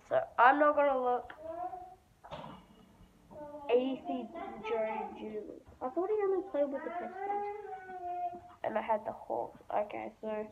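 A woman hosting a casual mobile game pack-opening video, chatting in a rambling way to her viewers. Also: a little high. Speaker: mobile game channel host. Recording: tinny phone-like audio with faint hiss.

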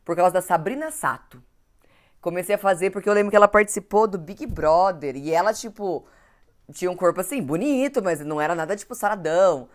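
A brisk, lowish female voice belongs to a young Brazilian woman who has a cold. She's a nutritionist running an Instagram live from a home setup, chatting casually and greeting people by name.

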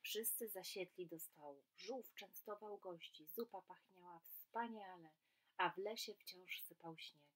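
Soft-spoken woman reading a kids story, calm and gentle. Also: fairly low pitch, measured pace, rough recording. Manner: gentle, soothing, with filler sounds. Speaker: workshop leader. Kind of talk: storybook narration.

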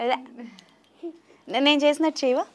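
High-voiced woman coaxing a small child. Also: fairly even intonation, normal speed. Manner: coaxing, teasing, sing-song questions. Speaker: interviewer. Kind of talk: playful chat with a small child.

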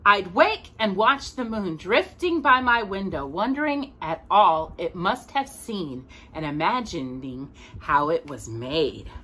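In a small indoor room lined with bookshelves, a middle-aged woman with a lowish, bright, forward voice reads a picture book aloud to a child for storytime. Her lively, swooping delivery is deliberate and expressive, taking each phrase slowly and stressing important words emphatically.

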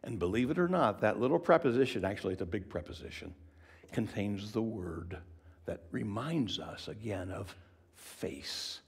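A man preaching a sermon in an expressive, conversational way, asking the listeners questions and often dropping to a whisper for emphasis. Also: lowish voice, normal speed, breathy edge. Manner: conversational, asks the congregation questions.

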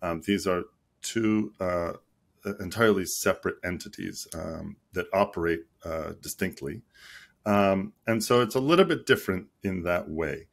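A middle-aged man, a guest on a video call interview, speaking thoughtfully with many pauses and restarts. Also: low voice, creaky. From United States. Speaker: league marketing chief, guest. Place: small office at home. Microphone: headset on a video call.

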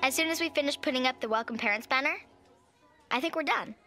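Cartoon tween witch: eager, gushing, high-pitched. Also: fast talker, faint music behind. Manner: excited, gushing. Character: eager cheerful twelve-year-old girl witch.

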